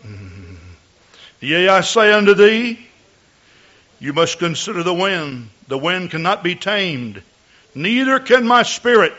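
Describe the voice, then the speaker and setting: A man's voice: high voice, expressive, a little slow, pushed and bright. A man preaching in a Pentecostal church, solemnly proclaiming prophecy in archaic biblical phrasing. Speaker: preacher, pastor. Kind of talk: Pentecostal church sermon and exhortation. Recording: dull, lo-fi church recording.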